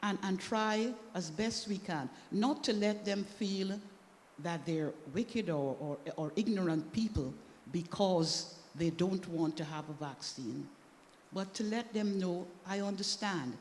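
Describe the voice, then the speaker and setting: A woman's voice: lowish voice, measured pace, a little mellow. A woman speaking as a panelist in a church discussion, earnest and emphatic. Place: church hall. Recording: echoey hall, faint background noise.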